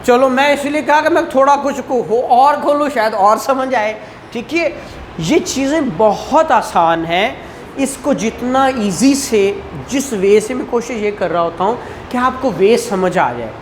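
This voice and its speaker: A woman lecturing on law in a Pakistani accent speaks a little slowly, with a fairly high pitch and lively intonation. She explains concepts using both Urdu and English legal terms and frequently asks short tag questions to confirm students follow, recorded in a clearly noisy room.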